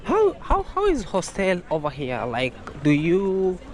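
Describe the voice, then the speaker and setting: A man's voice: sits high, wildly swooping pitch, a little slow. A man with a Kenyan accent chatting casually for a vlog, exclaiming and easily impressed. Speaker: vlogger visiting a university. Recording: very noisy outdoors, wind and engine.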